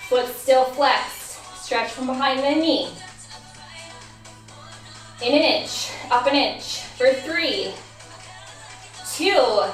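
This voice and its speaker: A woman's voice: sits high, extremely slow, pauses often, far from the mic. A woman instructor cueing a barre workout, counting reps and encouraging, her voice a bit worn. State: losing her voice. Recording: roomy, from off mic, faint music.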